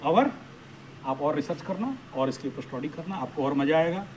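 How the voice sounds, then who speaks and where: A man's voice: on the high side, lively intonation, normal speed, a little mellow, a little hiss or hum, poor audio. A man teaching a live workshop audience, speaking emphatically and animatedly and mixing English phrases into his talk. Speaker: astrology teacher.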